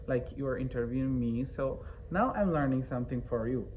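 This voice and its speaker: A young man from Bangladesh, not a native English speaker, answers interview questions hesitantly, full of fillers and restarts. His pitch sits in the ordinary middle range for a man. A faint hiss runs under the recording. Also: brisk, darkish tone, highs cut off. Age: young adult. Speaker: interview guest, university student.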